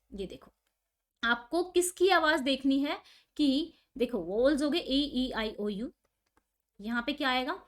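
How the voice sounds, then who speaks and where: A woman's voice: high-pitched, fairly bright tone. A woman teacher, explaining a lesson step by step and asking and answering her own questions. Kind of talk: online class lesson.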